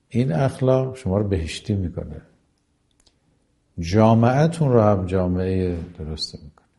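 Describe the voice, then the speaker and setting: A man giving a religious lecture who recites Arabic passages slowly and then explains them in plain everyday speech. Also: fairly low pitch, dark tone. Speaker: preacher.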